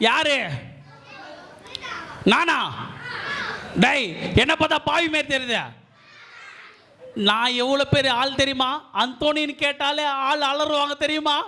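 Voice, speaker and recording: A man voicing a bumbling comic delivery man in a church puppet show, loud, frantic and groaning. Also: extremely high pitch, fairly even intonation, a little slow, pauses often, exaggerated voice.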